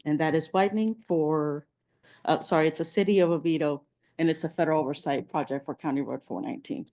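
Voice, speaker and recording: A woman gives a slide presentation at a public meeting. Her voice sits fairly low and has a warm, mellow, relaxed tone. She moves through the material steadily, with frequent "um"s and small restarts. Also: quick pace. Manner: walks through slides with many fillers. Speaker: transportation agency presenter.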